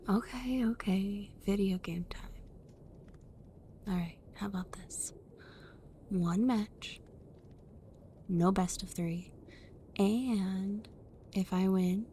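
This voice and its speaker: This ASMR roleplay features a woman as a playfully teasing, affectionate young friend, speaking softly and breathily, often whispering, in an intimate way. She uses a medium pitch and slow pace with long pauses, lightly acted, over slight background noise.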